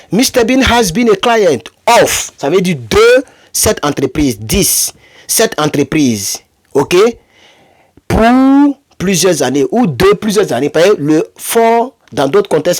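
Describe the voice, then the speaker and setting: Slow, patient male English teacher. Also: big pitch swings. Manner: slow and patient, repeats words, jumps high on English examples. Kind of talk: explaining a language lesson.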